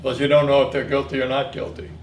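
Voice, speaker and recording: A man in his seventies, a military veteran, reminiscing in an interview in a halting, reflective way. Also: mid-range voice, level tone. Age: 70s. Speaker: Vietnam veteran being interviewed. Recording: echoey room, distant mic, faint noise.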